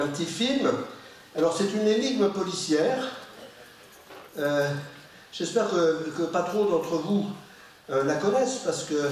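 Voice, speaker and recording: Chatty man lecturing in an echoey hall. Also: high voice. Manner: lively, chatty, with asides and muttering to himself. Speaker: professor giving a public lecture. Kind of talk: informal public science lecture. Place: large public lecture room. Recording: very echoey hall, voice picked up from far.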